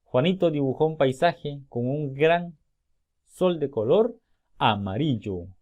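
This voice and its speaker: A man's voice: a little high, lively intonation, darkish tone, lo-fi sound. Man teaching a spelling lesson. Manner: explains step by step, slowly sounding out example words. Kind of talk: recorded spelling and grammar lesson.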